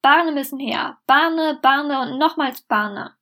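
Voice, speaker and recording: A woman voicing a vain, bossy male dragon who talks slowly and crudely in a storybook reading. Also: sits high, a bit bright. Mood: greedy.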